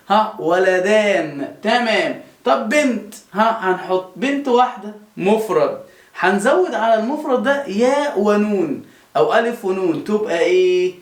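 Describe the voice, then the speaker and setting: An Egyptian Arabic-speaking man teaching a grammar lesson to children, lively and quizzing pupils before answering himself. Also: sits high, echoey room.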